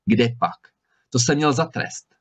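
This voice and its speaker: A man's voice: mid-range voice, expressive, close to an everyday voice. A man voicing a huge menacing male spirit trapped in a bottle, who thunders threats and wails pleas in a storybook reading. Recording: slightly dull recording.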